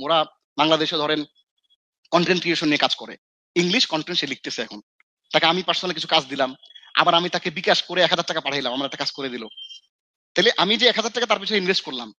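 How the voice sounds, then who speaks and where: A man's voice: a little high, lively intonation, quick pace, pauses often, sharp tone, no room sound. A man from Bangladesh, mentoring students in casual talk, who acts out his scolding and mixes in English phrases. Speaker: Islamic scholar and mentor.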